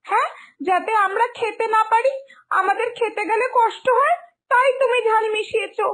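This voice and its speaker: A woman plays an angry young sister-in-law in a cartoon story, shrill and accusing, close to tears. Her voice is very high. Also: a bit bright. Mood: bitter.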